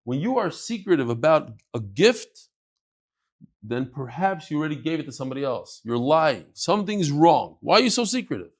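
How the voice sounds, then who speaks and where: A man's voice: fairly high pitch, sing-song, normal speed. A man teaching a daily Talmud class who mixes English with Aramaic and Hebrew terms, asks questions and answers them himself, and acts out the speakers in the text.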